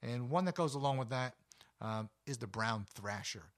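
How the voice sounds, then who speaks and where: A man with a deep voice, hosting a nature show and chatting enthusiastically with frequent fillers. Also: expressive, moderate pace. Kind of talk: casual talk about backyard birds.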